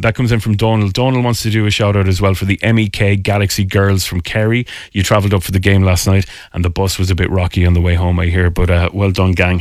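A man's voice: lowish voice, dry recording, studio quality. An Irish man hosting a radio show, chatting in a casual, upbeat way with plenty of ums and uhs. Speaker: radio host. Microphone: studio microphone. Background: music bed.

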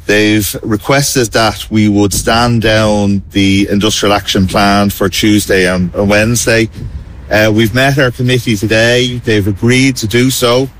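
A man, a union organiser, making a plain, steady statement. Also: lowish voice, unhurried, low-quality recording. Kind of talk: interview clip.

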